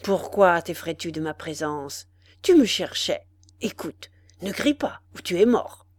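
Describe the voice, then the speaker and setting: A woman's voice: on the low side, expressive, measured pace, a little mellow, no room sound. A woman voicing a small, menacing wild man who speaks in a grim, mocking, threatening way.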